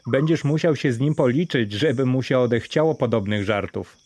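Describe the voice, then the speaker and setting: A man's voice: medium pitch, normal speed, a little mellow, lightly acted. A man voicing mocking townspeople who jeer at a beggar in a scornful manner. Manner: jeering, scornful. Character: mocking townsfolk crowd, jeering. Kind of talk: audiobook fairy tale reading.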